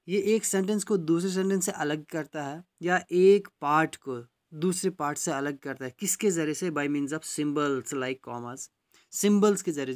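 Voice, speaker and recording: A man teaching a grammar lesson for exam students, mixing English phrases into his talk and often checking with "right?". He slows right down to read out example sentences. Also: a little high.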